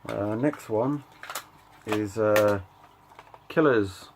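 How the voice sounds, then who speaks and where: A middle-aged man with a low, slightly gravelly voice hosts a channel as a record collector, giving casual show-and-tell commentary. He speaks in a halting, offhand way, reading out titles in short bursts over a noisy background.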